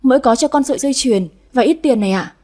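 A woman's voice: high-pitched, fast talker, a little mellow. A woman voicing a terrified young servant girl who pleads tearfully and stammers, in a storybook reading. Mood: pleading.

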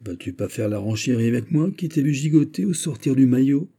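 A man's voice: mid-range voice, animated, brisk, mellow, slightly rough, voice pushed up. A man doing a smug lecherous prince. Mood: smug, coaxing. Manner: smug, coaxing, teasing. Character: lecherous noble prince, mocking and pushy.

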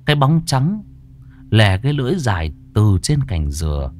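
A man narrating a ghost story in a measured, dramatic storytelling manner. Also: medium pitch, very animated, a little mellow, slight background noise.

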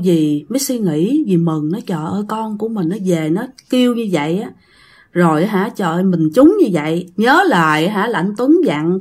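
A woman with a Southern Vietnamese accent telling a ghost story in a chatty way, speaking straight to her listeners. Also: mid-range voice. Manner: chatty, addresses listeners directly.

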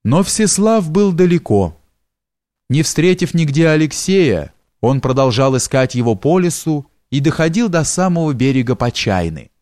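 A man narrating a historical novel in a steady, measured reading. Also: fairly high pitch, no echo, clean studio sound. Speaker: audiobook narrator.

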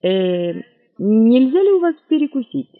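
A flustered young gentleman, voiced by a man, pleads and stammers in a high voice that swings widely. The sound is dry and tinny, like a narrow radio band. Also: big pitch swings, measured pace, no echo, exaggerated voice. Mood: hopeful.

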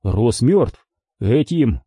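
A man's voice: mid-range voice, sing-song, very slow, slightly rough, dry recording, muffled recording, heavily acted. A man voicing a blunt, cynical gangster henchman in an audiobook, close to his own voice.

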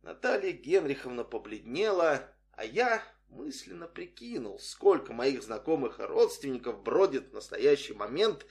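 A man's voice: medium pitch, sing-song, normal speed, creaky, hardly any pauses. A man reading a humorous story aloud as scripted narration, with a dry, wry storytelling manner. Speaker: audiobook reader.

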